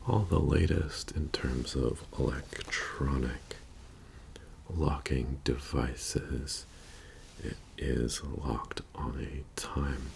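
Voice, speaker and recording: A man in an ASMR role-play as a methodical bank heist planner, speaking in a soft-spoken, halting and matter-of-fact murmur. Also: extremely low pitch, vocal fry, slight background noise, exaggerated voice. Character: methodical male bank heist crew planner briefing his team.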